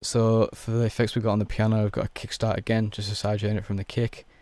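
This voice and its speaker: Walking through software at a quick pace, a young music producer keeps it easygoing, explaining step by step with frequent fillers. His low, flat voice is hoarse and fading. The recording has no room sound, and the tone is that of a casual tutorial.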